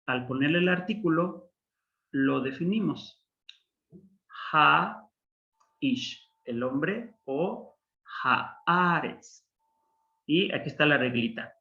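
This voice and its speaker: A man's voice: on the high side, animated, slow, pauses often, pushed and bright, muffled recording. A man teaching a Hebrew class, patiently explaining grammar rules with examples. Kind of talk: online language class.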